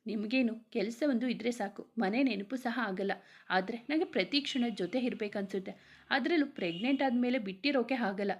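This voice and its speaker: A woman's voice: a little high, normal speed. A woman doing a sulking young pregnant wife. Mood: reproachful sulking. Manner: reproachful, pouting.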